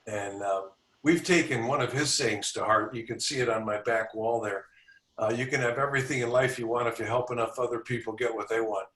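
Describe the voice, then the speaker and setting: A man's voice: medium pitch, steady tone, brisk, fairly bright tone. Roomy, distant male sales coach. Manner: confident, instructive coaching delivery. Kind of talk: podcast interview. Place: indoor room with a back wall. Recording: roomy sound, distant from mic.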